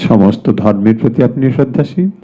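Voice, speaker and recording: A man leading a guided meditation as a teacher, giving slow, measured instructions with pauses between them. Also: fairly low pitch, lively intonation, mellow, husky. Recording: dull, lo-fi sound.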